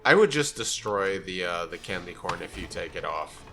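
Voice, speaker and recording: A man co-hosting a game session in casual chat, often restarting his phrases haltingly. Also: sits low, expressive, music in the background. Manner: halting, repeats phrase openings. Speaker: let's play co-host watching and commenting.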